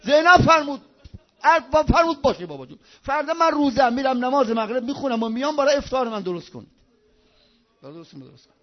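A man preaching a religious sermon over a loudspeaker, telling a story with passionate outbursts and hushed low passages. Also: animated. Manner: impassioned, swinging between loud outbursts and hushed low tones. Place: speaking over a loudspeaker in Qom. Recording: dull lo-fi recording.

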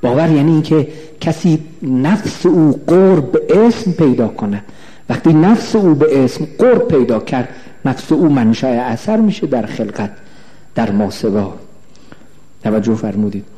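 A male cleric giving a religious lecture, slow and emphatic, repeating phrases and asking the audience questions. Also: medium pitch, lively intonation, mellow. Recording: long hall reverb.

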